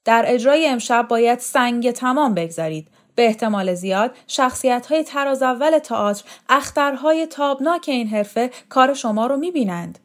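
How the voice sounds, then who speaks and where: A woman's voice: on the high side, voice pushed up, lightly acted. A woman reading the part of a vain, eager young male theatre director. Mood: excited. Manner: eager, excited, quick.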